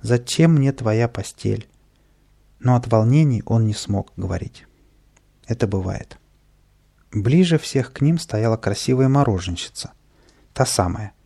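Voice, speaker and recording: Storybook narrator, man, gravelly and husky, dark tone. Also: fairly low pitch, a little slow, long pauses. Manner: steady and even-paced, with lively voiced dialogue. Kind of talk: storybook reading.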